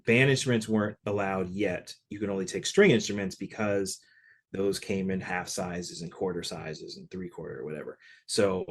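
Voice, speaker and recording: A man from Connecticut, a session percussionist, telling stories in a relaxed interview with lots of "like" fillers. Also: sits low, normal speed, slightly rough. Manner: relaxed, chatty, frequent "like" fillers. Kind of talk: casual interview storytelling.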